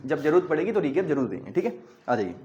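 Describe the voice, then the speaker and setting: High-voiced man teaching a maths lecture. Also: big pitch swings, normal speed, darkish tone, highs cut off. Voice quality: some English terms mixed in. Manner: voices students' questions himself and answers them, calls learners "dear children"; repeats key terms and asks the class to say them back.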